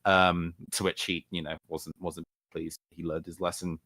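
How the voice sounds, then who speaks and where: A man playing a tabletop role-playing game, relaxed as he describes what his character does, with some fillers. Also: sits low, moderate pace, dry recording. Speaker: player.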